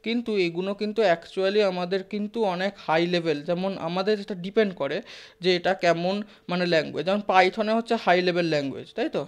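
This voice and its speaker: A teacher gives a live class lecture in a smooth, clear voice at an ordinary middle pitch. The delivery is conversational: frequent check-ins with the listeners, questions put to the class, and English technical words mixed into the speech. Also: fast talker. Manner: sprinkles English terms into the talk.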